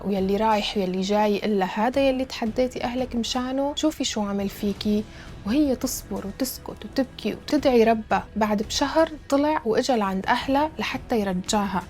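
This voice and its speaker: A woman storyteller, narrating a true story in a rapid, dramatic retelling. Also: fairly high pitch, darkish tone.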